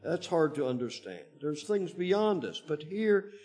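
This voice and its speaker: A man preaching a Bible teaching to his congregation, speaking in halting phrases with frequent restarts and pauses. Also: fairly high pitch, big pitch swings, a little mellow. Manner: slow, halting delivery with many restarts. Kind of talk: sermon-style Bible teaching.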